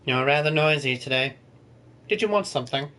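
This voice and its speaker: A man's voice: on the high side, expressive, brisk, pushed and bright, clean tone. A man doing a snobby bookish boy bird. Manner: aloof, bored, condescending.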